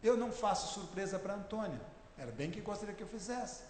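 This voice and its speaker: Pastor, 60s, male, high register, emphatic and forceful; echoey church hall recording. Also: lively intonation, a little fast, slight background noise. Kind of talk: sermon.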